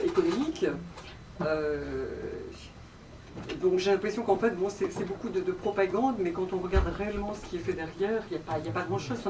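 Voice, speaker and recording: An audience member at a conference speaking without a microphone, rambling with many fillers. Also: medium pitch. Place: conference room. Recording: distant voice with background noise.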